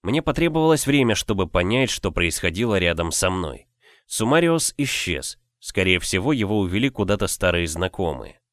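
A man narrating a first-person novel in a measured, expressive reading. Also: deep voice, no echo, studio quality. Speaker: audiobook reader.

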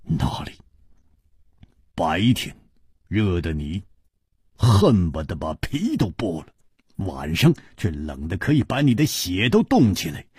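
A male storyteller voicing a boisterous, hot-tempered swordsman who talks loudly and scolds his friend. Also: sits low, very animated, slow pace, pauses often, slightly rough, no echo, studio quality, exaggerated voice. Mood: warning. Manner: loud, blustering, scolding.

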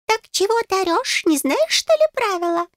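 A woman voicing a tiny male fairy in an audiobook, squeaky, pompous and greedy, with a bossy, indignant manner. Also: big pitch swings, moderate pace, dry recording, studio quality. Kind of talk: audiobook character voice.

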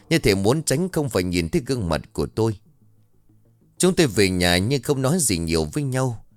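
A man narrating a ghost story in an expressive, lively way from a script. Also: lowish voice, no room sound.

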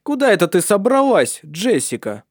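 A man's voice: high-pitched, fairly quick, darkish tone, no room sound, studio quality, pitched above the performer's own voice, natural voice. A man voicing a furious, commanding royal daughter who shrieks orders in an audiobook. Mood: stern.

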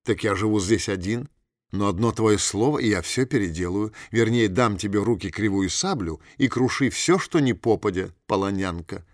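A man reading an audiobook and voicing a middle-aged man who speaks curtly and commandingly, gruff yet tender. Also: fairly low pitch, moderate pace, no room sound, studio quality, close to an everyday voice.

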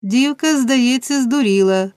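A woman doing a gruff brutal robber. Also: mid-range voice, normal speed, darkish tone, no echo, natural voice. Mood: angry threats. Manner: gruff, threatening. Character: brutal adult male robber, rough and threatening.

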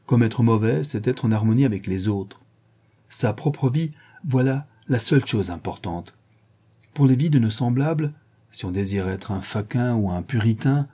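A man's voice: mid-range voice, dark tone, slightly rough, pitched above the performer's own voice, natural voice. A man voicing a witty, cynical aristocratic dandy who speaks in airy epigrams, in a classic novel audiobook.

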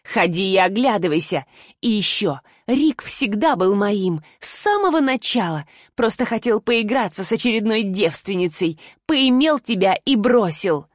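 A woman's voice: medium pitch, animated, moderate pace, no echo, clean studio sound, natural voice. A woman voicing a spiteful, sneering rich young woman who bullies others, in an audiobook. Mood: snarling. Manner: sneering, snarling. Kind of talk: audiobook character voice.

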